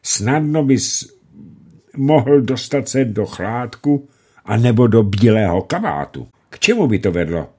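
A man reading the part of a stern, pious old farmer father who speaks firmly and gravely. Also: mid-range voice, big pitch swings, warm tone, pitched above the performer's own voice. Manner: firm, grave and emphatic.

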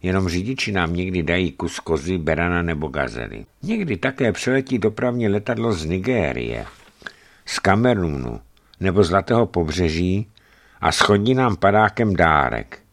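A man's voice: sits low, big pitch swings, vocal fry, fairly bright tone, full character voice. Casting: man playing a worn-out desert commander, dry and matter-of-fact, slightly raised voice, storybook reading. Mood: weary. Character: weary male desert outpost commander.

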